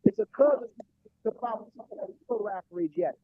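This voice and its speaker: A man in a casual online debate who talks quickly and restarts his words, his voice heard muffled, dull and bassy over a call. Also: dry recording. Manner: rapid, repeats words as he restarts. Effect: muffled, dull sound with the bass left and the highs gone. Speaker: panelist in an online discussion.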